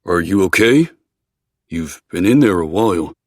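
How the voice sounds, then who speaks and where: A man voicing a calm, literal-minded immortal male warrior in audiobook dialogue, with a husky voice and a flat, monotone delivery. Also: low-pitched, normal speed, no echo, clean studio sound. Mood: calm, caring.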